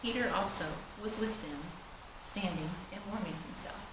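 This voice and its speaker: A woman reads scripture aloud with solemnity at a church service, her mid-range voice at a normal pace. The setting is a large indoor church, captured in a distant, noisy, roomy recording.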